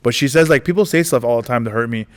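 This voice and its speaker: A man's voice: mid-range voice, fast talker. Rambling comedian man telling stories. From United States. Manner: rambling, many restarts and "like" fillers, acts out quoted voices. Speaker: stand-up comedian, guest. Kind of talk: casual interview storytelling.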